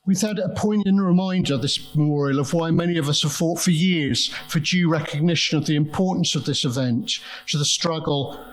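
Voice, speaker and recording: A man's voice: a little high, normal speed, hardly any pauses, rough recording. A man giving an academic conference talk, telling a story with restarts and quoting other people. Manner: storytelling, with quoted voices and restarts. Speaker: conference speaker.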